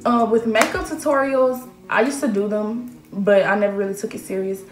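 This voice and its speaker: A woman's voice: medium pitch, steady tone, moderate pace, roomy sound, over music. A nineteen-year-old woman chatting to camera in a casual Q&A vlog, self-assured and full of fillers. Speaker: aspiring model vlogger. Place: small room indoors.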